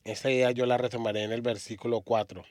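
A male preacher from Australia delivers a sermon at a middle pitch, often pausing and repeating words as he gathers his thoughts. The voice is close and dry, with hardly any room sound. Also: flat delivery, darkish tone, no room sound. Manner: halting, frequent restarts and repeated words. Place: church.

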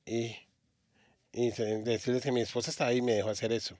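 A man from Australia preaching a sermon in a church, halting often and restarting his words. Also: medium pitch, little pitch movement, a little mellow, dry recording, clean studio sound.

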